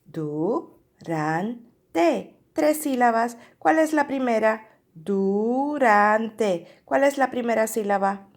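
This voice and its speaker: Slow, high-voiced teacher reading aloud. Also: female voice. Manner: slow, drawn-out syllable drilling with animated read-aloud emphasis. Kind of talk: reading a picture book aloud to young children.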